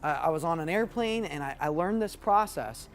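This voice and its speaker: A man's voice: on the high side, animated, moderate pace, faint music behind. A man giving a motivational coaching talk, fervent and emphatic. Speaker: business coach.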